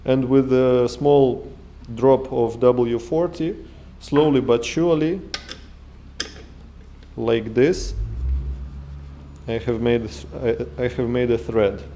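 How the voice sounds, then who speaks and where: A Russian-accented maker vlogger in his thirties walks through his home workshop in a casual vlog, his English halting and full of fillers and restarts. His voice is medium-pitched and warm. An action camera held or mounted close records him indoors, picking up a little hiss or hum.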